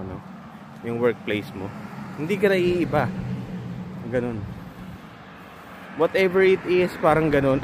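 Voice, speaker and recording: A man from the Philippines, a registered nurse and vlogger, chatting casually to his viewers and often pausing to search for words. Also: a little high, noisy background. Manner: rambling, searches for words aloud.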